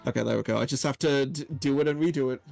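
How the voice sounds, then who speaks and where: Gravelly-voiced man rambling while gaming. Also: medium pitch, rapid-fire, a little mellow, faint music behind. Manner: rambling storyteller. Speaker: guest player. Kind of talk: casual let's-play chat.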